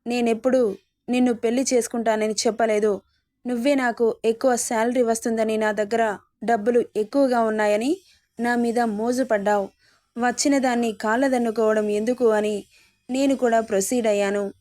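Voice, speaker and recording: A woman's voice: a little high, steady tone, normal speed, mellow, no room sound, studio quality, lightly acted. A woman reading a scornful cheating lover. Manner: scornful, mocking. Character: callous young man, cheating lover.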